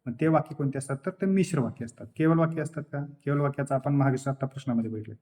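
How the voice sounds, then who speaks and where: A man's voice: mid-range voice, rapid-fire, a little mellow. Man teaching by quizzing and answering himself. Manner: asks questions and answers them himself; repeats key terms. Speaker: exam coaching teacher. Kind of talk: Marathi grammar lesson working through exam questions.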